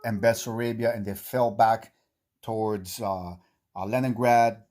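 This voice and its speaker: A man hosting a board-game series, giving a casual recap in a halting way, repeating himself and checking in with "okay". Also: on the low side, steady tone, darkish tone. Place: indoor home game room he calls the bunker.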